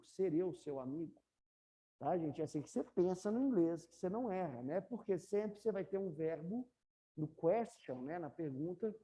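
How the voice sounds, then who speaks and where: A woman's voice: on the low side, mellow. A woman English teacher with a Brazilian Portuguese accent, explaining grammar to a class and checking in with students often. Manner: patient, repeats questions to students.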